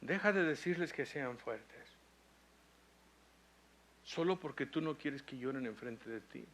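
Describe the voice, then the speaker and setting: With a mid-range, animated, slightly bright voice, a pastor delivers a sermon that mixes scripture reading with a hospital story. His preaching grows more intense, landing on slow, emphatic phrases at its peaks.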